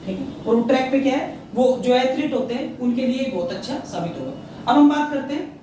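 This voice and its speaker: Male tutor, mellow voice, repeats every answer, heard from far off in a boomy room. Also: fairly quick. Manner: repeats facts, quizzes himself, frequent "theek hai na". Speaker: exam prep teacher. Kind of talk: current affairs lesson. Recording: very echoey room, mic far off, faint noise.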